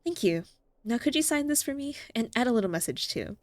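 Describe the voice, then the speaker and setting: A woman voicing a calm, kindly female doctor from a video game. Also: on the high side, brisk, no echo, voice pushed up, close to an everyday voice. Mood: warm, sincere. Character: calm, kindly female doctor who likes fairy tales.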